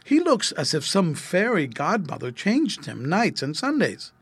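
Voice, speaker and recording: Guy doing a keen little boy asking stuff, high and bright. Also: huge pitch swings, a little slow, breathy edge, full character voice. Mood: eager. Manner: agreeable, inquisitive. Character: eager young boy, the older brother.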